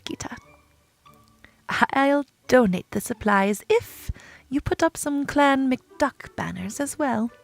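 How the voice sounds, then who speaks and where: A woman voicing an old, miserly Scottish duck who is gruff and proud, with a Scottish accent and a boastful, bossy manner. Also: on the high side, full character voice. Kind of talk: reading game dialogue aloud.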